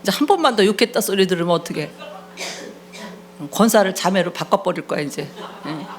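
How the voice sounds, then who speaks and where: A woman's voice: medium pitch, expressive, a little fast, slight background noise. A middle-aged woman pastor preaching a sermon, scolding and prodding the congregation for replies. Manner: acts out quoted voices mid-sermon.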